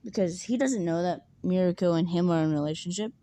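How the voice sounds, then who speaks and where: A woman's voice: on the low side, quick pace, dark tone, no echo. A woman casually retelling a fan story in a rambling way, full of fillers, now and then acting out the characters' lines.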